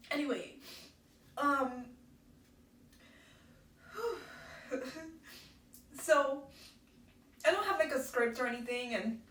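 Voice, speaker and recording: High-voiced woman happy crying through a testimony. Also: takes it slowly, pauses often, a bit bright. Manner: earnest, encouraging. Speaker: vlogger giving a personal testimony. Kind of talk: casual heartfelt testimony to camera. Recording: roomy echo, distant from mic.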